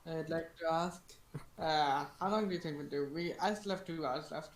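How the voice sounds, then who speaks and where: A man playing a tabletop game, talking casually and in character in a halting, earnest way. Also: on the high side. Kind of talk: casual in-character play and chat. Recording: echoey room sound.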